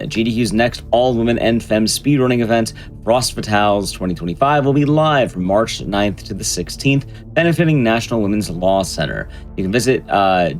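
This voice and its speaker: Low-voiced man hosting over music. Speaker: speedrun show host. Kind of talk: casual hosting announcements.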